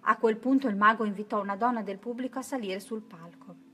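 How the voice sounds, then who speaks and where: A woman narrating a children's picture book, reading aloud in an expressive, even-paced way. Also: mid-range voice, brisk, husky. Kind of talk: children's story read-aloud.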